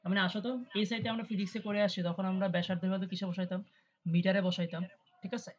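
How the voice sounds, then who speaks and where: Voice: medium pitch, little pitch movement, quick pace. A tutor gives an online class lecture over a video call. The tutor talks conversationally, keeps checking in with students, and mixes English terms into the explanations. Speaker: chemistry tutor. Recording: dull, lo-fi audio with faint hiss.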